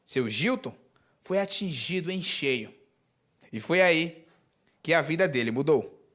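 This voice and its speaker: A man's voice: expressive, measured pace, fairly bright tone, no room sound. A male TV reporter with an Amazonas Brazilian accent narrating a scripted news story in a dramatic way. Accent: Amazonas Brazilian Portuguese. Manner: dramatic storytelling delivery with wide pitch swings.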